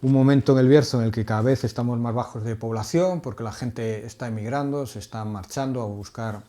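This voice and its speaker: A man's voice: mid-range voice, steady tone, brisk, mellow. A man talking spontaneously as an interviewee, often checking for agreement with short tag questions. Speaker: documentary interviewee.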